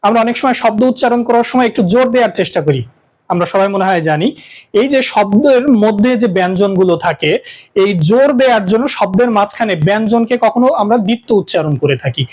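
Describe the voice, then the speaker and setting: A man explaining a grammar lesson, slowing down to repeat example words with care. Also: sits high, a little mellow. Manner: slow deliberate repetition of example words. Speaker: teacher. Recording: dull lo-fi audio.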